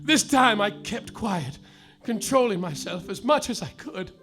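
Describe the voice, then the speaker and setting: On a live theater stage, a male actor in a comedy audio play portrays a bumbling, melodramatic private detective, narrating in a spoof of hardboiled style and erupting into shouted outbursts. His voice sits high and is animated, paced in a measured way, with a brooding mood.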